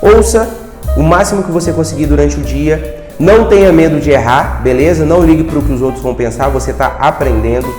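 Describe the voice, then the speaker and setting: A Brazilian man with a Brazilian Portuguese accent teaches an informal video lesson, his voice sitting a bit higher than most men's. He talks straight to the viewer and keeps asking quick rhetorical questions. The sound is roomy, with a long reverb trailing behind his words. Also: darkish tone, soft background music. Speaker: language teacher. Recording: echoey room with long reverb.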